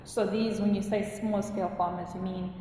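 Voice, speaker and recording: Encouraging woman podcast host, mid-pitched, echoey sound with faint noise. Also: steady tone, brisk, dark tone. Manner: curious, encouraging, upbeat. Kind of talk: podcast interview. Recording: echoey room with long reverb.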